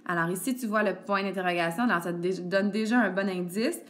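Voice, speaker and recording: A woman teacher walks a child through a grammar lesson. She is patient and steady, full of little "ok"s and "donc"s. It is recorded on a tablet screencast. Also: mid-range voice, quick pace. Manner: patient, addresses the child directly with frequent "ok" and "donc". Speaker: elementary school teacher.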